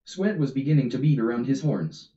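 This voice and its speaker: A man's voice: medium pitch, lively intonation, brisk, dark tone. A man reading a comedic story aloud in a casual, amused way, recorded distant and roomy. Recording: roomy, distant, dull audio.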